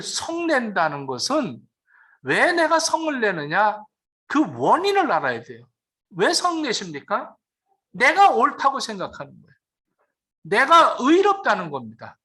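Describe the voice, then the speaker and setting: A woman's voice: mid-range voice, fairly bright tone, husky. A woman pastor preaching a sermon. She explains scripture, poses questions and answers them herself, and sometimes acts out the people she quotes.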